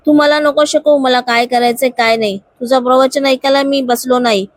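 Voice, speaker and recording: A woman's voice: high voice, steady tone, normal speed, no room sound, lightly acted. A woman voicing a short-tempered male boss who snaps and speaks curtly. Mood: irritated. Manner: curt, irritated.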